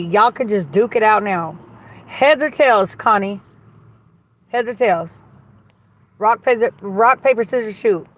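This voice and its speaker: Slightly raspy and medium in pitch, a woman's voice hosts a livestream, casually chatting and reading viewer comments in a blunt, gossipy manner packed with swearing.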